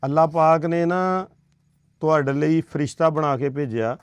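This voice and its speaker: A charity worker hands over aid money to a family and speaks to them earnestly on camera, reassuring yet preachy, with frequent short questions to check in. His voice is on the high side, a little slow, and clean-toned, with no echo.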